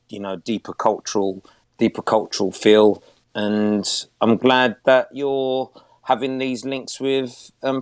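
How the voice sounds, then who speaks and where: A man from London speaking earnestly and effusively in a casual panel chat. His voice is mid-pitched, and the recording is dry and close with no room echo. He pours on praise and enthusiasm. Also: clean tone. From London, England.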